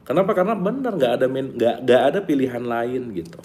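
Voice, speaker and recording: Middle-aged male teacher, casual and playful, reads a passage and then riffs on it, average pitch. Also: big pitch swings, fast talker, darkish tone. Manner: chatty and playful, repeats key lines, acts out little scenes. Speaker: book study leader. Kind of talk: casual teaching talk reading from a book.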